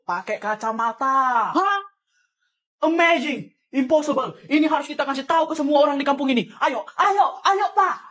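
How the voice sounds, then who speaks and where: A woman performing a comic sketch, switching between exaggerated, shouty village characters. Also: high-pitched. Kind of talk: comic sketch with many voices.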